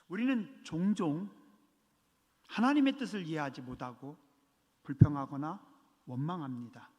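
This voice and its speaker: A male pastor preaching a sermon in an animated way, acting out complaining believers with humor. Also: mid-range voice, in a large hall. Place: church sanctuary.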